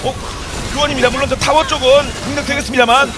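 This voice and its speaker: A man giving excitable, exclamatory play-by-play commentary on a live esports match. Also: very high voice, fast, music in the background, crowd noise.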